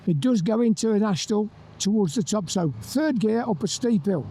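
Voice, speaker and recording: A British man with a notably high, soft-toned voice talks through a motorbike helmet intercom. He keeps up a casual, colloquial riding commentary, with faint engine and wind noise around him. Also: expressive, moderate pace. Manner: chatty, colloquial British turns of phrase with tag questions. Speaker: motorcycle review vlogger and presenter. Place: outdoors, riding a motorbike on roads. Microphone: microphone inside a motorbike helmet. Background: faint vehicle and wind noise.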